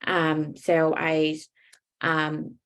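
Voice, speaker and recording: A woman's voice: deep voice, monotone, extremely slow. A young woman with a Vietnamese accent, answering as a panelist with earnest storytelling and frequent ums.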